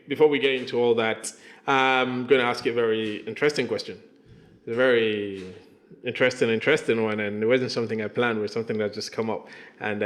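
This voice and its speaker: A man hosting an interview show, opening with playful, animated hype and bouncy repetition. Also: on the low side. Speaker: podcast host. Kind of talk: energetic interview banter.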